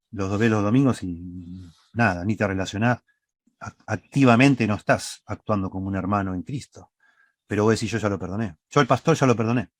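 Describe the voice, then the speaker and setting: A man's voice: fairly low pitch, no room sound, studio quality. A man preaching a sermon with an Argentine Spanish accent, teaching step by step and checking in with the congregation. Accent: Rioplatense Spanish. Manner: teaching, asks the congregation "¿sí?" often. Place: church.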